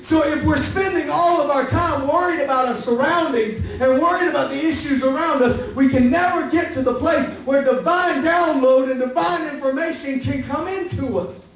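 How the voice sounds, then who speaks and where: A man's voice: normal speed, hardly any pauses, a bit bright. A man preaching a sermon as pastor, building his points with rising emphasis and calls out to his church. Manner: high-pitched, preaching with rising emphasis and call-outs to the church. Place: large church hall. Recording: echoey church hall from far off, faint hiss.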